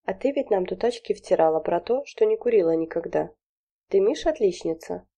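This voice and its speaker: A bold teenage ringleader with a mocking, quick tongue, as a woman reads her. The voice sits a little higher and louder than the reader's own, and the warm, dark tone stays. It is an audiobook reading. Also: lively intonation. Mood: teasing.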